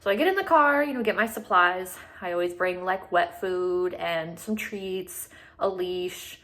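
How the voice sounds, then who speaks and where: Lowish-voiced woman telling a rescue story casually. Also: a little slow, sharp tone. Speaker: dog rescuer narrating her own rescue.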